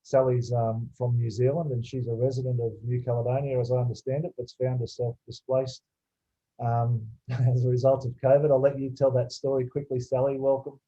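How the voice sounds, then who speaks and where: A man hosting a webinar, introducing guests in a halting way with many fillers and restarts. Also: mid-range voice, level tone, mellow. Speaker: webinar host. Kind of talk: webinar presentation. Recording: slightly dull video call audio.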